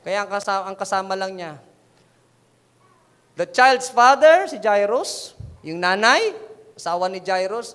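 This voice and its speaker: A man with a Filipino accent preaching a sermon as pastor, animated and dramatizing the story. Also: high voice, in a large hall. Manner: switches between preaching and quoting scripture.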